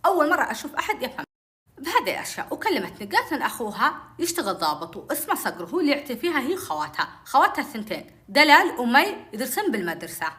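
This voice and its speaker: A woman tells a personal story at a breakneck pace. Her voice is high and bright, with a pitch that swoops widely. She acts out each line of dialogue as she narrates.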